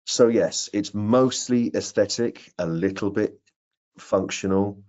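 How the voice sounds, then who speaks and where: Over a video call from an indoor room, a middle-aged product presenter takes his time answering technical audience questions in an informal way, often repeating words. His voice is lowish and a little mellow. The video-call mic leaves the sound dull and band-limited.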